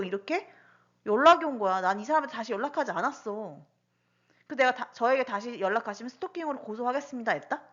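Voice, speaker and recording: A woman in her thirties casually recounting personal incidents in a monologue, full of rhetorical questions. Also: on the high side. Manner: animated, lots of rhetorical questions and fillers. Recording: dull lo-fi recording.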